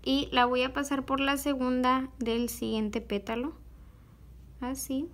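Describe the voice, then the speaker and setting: A young woman giving a slow, patient, step-by-step beadwork tutorial, pausing often on fillers as she works. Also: high-pitched, little pitch movement, a bit bright.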